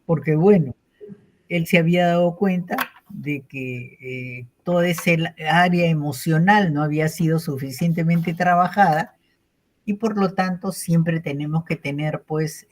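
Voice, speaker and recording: A woman with a Peruvian accent giving an online lecture in a warm, reflective way, often closing phrases with a questioning tag. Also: low-pitched. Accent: Peruvian Spanish, from Callao. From Peru. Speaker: invited lecturer. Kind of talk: online conference talk.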